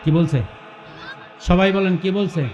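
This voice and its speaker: A man's voice: sits high, measured pace, darkish tone, roomy sound, dull audio. A male preacher telling a story in a sermon, calling out questions to the crowd and breaking into melodic chanting.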